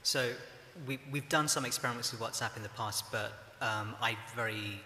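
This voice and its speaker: A man speaking on a conference panel, explaining at length in a measured way with many fillers. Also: medium pitch, bright, forceful tone. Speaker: panelist from a broadcaster's social news team. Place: conference hall, live panel. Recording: echoey hall with faint noise.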